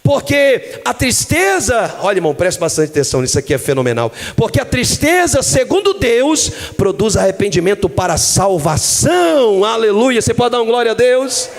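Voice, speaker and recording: A male pastor with a Brazilian Portuguese accent, preaching with a very high voice. He swings between hushed, low phrases and loud, fervent shouts. The sound has the long reverb of a church hall. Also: big pitch swings, normal speed, hardly any pauses. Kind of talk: sermon.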